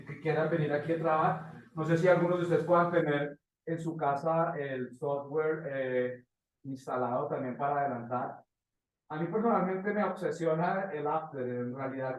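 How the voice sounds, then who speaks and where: A motion graphics teacher with a voice on the high side teaches a class informally in an indoor classroom. He pauses to search for phrases and checks in with short questions, picked up from a distance in an echoey room.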